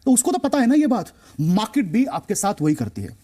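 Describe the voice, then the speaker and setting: Fast, animated man explaining markets. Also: high-pitched. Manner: emphatic, repeats key phrases for effect. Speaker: stock market expert guest. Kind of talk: explaining to a TV host.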